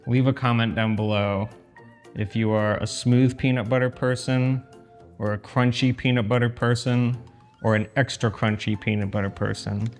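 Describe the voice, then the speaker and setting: A man's voice: medium pitch, level tone, normal speed. An American man chatting casually and informally to camera as a vlog host, in an echoey empty kitchen. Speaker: channel host. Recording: echoey empty room, faint music.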